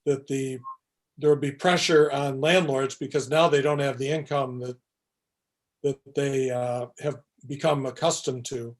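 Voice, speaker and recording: A man's voice: mid-range voice, steady tone, a little slow. A man on a planning commission, laying out his question at a public meeting, hesitant and full of restarts. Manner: hesitant, thinking aloud with many uhs and restarts.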